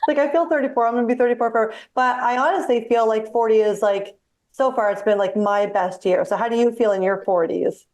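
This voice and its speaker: A woman in her forties hosting a casual podcast interview. She asks long, winding questions and keeps nodding along with quick affirmations. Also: a little high, a little mellow. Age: 40s. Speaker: podcast host.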